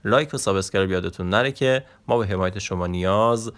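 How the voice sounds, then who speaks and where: A man giving a casual online English lesson, with many fillers, who says the English phrases slowly and draws them out. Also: on the low side. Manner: slow, drawn-out pronunciation of English phrases. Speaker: English teacher.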